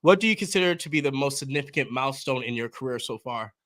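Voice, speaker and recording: A man hosting a live interview show, excitable and playful, often laughing and reacting loudly. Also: mid-range voice, fast talker. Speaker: host.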